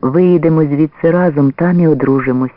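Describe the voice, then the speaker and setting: A man voicing a gentle, pleading young woman in an audiobook story, in a soft, raised voice. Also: fairly high pitch, moderate pace, no echo, lightly acted. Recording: dry, narrow phone-like lo-fi sound.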